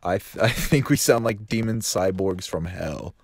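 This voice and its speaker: A man's voice warped by a glitchy mic into a deep demonic half-robot growl, fairly low in pitch. He rambles and swears his way through loose podcast banter. The sound is dry and close. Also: moderate pace, slightly rough, dry recording. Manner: rambling, swears constantly, laughs often. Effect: distorted deep demonic, half-robot mic filter. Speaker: podcast co-host. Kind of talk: casual profane podcast banter.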